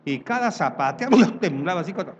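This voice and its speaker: A pastor delivers a sermon in a church, his voice sitting high and moving over a wide, lively range. He tells stories from congregation life and acts out the voices of the people in them. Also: brisk, background noise.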